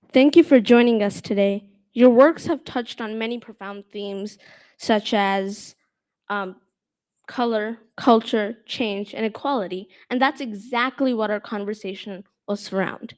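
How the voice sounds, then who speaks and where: A woman moderator who reads a formal introduction and asks questions in an earnest, admiring, slightly halting way. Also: a little high. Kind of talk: reading an introduction, then asking interview questions.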